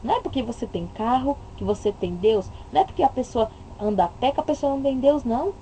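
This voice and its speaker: A woman's voice: a little high, animated, fast talker, warm tone, slight background noise, rough recording. A woman with a Brazilian Portuguese accent giving an impassioned religious monologue, emphatic and full of rhetorical questions. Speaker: religious commentator.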